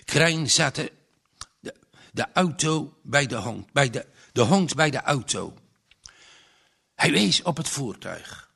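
A man reads a story aloud in a slow, deliberate tempo. His voice is gravelly yet bright, and his pitch moves in a lively way. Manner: lively, expressive read-aloud delivery. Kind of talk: storybook reading.

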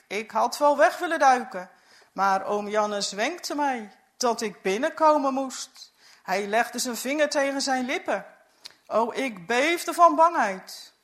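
Slow, earnest woman reading a story. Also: on the high side, a bit bright. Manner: slow, earnest, reflective first-person narration. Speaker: narrator.

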